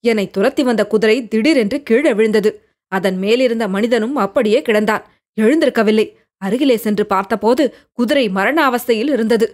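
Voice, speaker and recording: A woman's voice: on the high side, normal speed, a little mellow, natural voice. A woman voicing a fierce, harsh-voiced female ascetic who lives in a cave, telling her tale with drama. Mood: recounting. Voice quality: harsh, hard voice.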